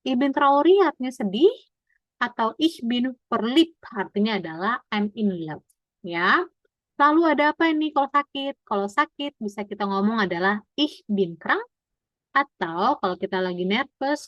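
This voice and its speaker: A woman's voice: mid-range voice, fairly bright tone, dry recording, highs cut off. Woman teaching a class over video call. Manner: explains patiently, mixing in English and quizzing students. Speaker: German teacher. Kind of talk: online language class.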